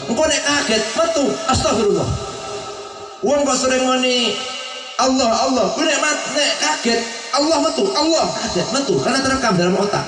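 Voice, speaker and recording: A man with a Javanese accent preaching a humorous sermon, telling stories and acting out the voices of the people in them. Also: very high voice. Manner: joking storytelling, acting out voices. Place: hall at a religious gathering. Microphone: microphone. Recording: roomy, distant mic, music behind.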